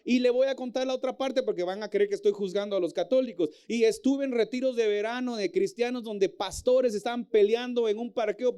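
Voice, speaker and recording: Middle-aged male pastor, high mellow voice, emphatic sermon delivery. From Guatemala. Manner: emphatic, calls out to the congregation.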